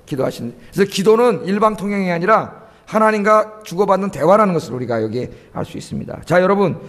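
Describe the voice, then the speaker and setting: A man's voice: sits high, expressive, quick pace, a bit bright. A male pastor preaching a sermon, often asking the congregation questions and urging them on with emphasis. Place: church sanctuary. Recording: long church hall reverb.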